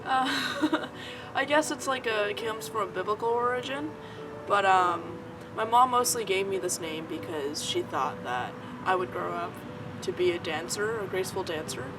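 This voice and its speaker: A woman's voice: mid-range voice, normal speed. A young woman from San Francisco, chatting easily in an interview. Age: young adult. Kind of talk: casual interview answers. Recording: distant mic under loud music.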